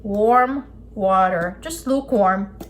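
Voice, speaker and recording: A woman's voice: medium pitch, slow. A woman giving a casual cooking demonstration as an instructor, explaining each step as she works with her hands. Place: indoors at a work table. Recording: clear background noise, kitchen ambience.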